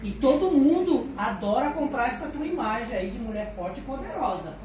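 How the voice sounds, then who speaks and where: Brazilian woman doing a funny talk, kinda high voice, echoey hall, noisy background. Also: moderate pace. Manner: animated and humorous, acts out quoted voices; chatty, tags lines with "né". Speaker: lecturer. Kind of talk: motivational talk to an audience. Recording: echoey, mic far off, background noise.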